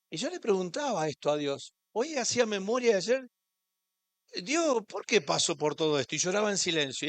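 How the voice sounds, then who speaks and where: A man's voice: sits high, dry recording. A man with an Argentine Spanish accent preaching a sermon as a pastor in a church, impassioned and rising on his rhetorical questions.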